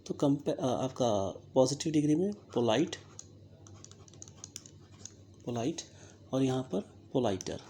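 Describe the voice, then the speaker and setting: A teacher with an Indian English accent explaining English grammar step by step, talking slowly and deliberately, spelling words out letter by letter and often checking understanding. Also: medium pitch, animated, mellow, a little hiss or hum. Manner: slow, deliberate, checks understanding with frequent "theek hai". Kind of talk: recorded classroom-style grammar lesson.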